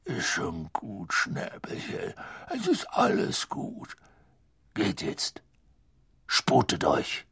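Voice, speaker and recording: A man voicing a huge, gruff but gentle half-giant gamekeeper in a storybook reading, urgent and protective. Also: slow, dry recording, studio quality, exaggerated voice. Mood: soothing hush. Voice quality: deep husky rumble. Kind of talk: audiobook character voice.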